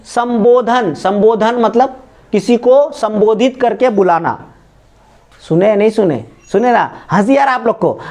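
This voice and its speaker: A man teaching a grammar lesson to a class. He repeats his examples and keeps asking whether the students understand. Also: high voice.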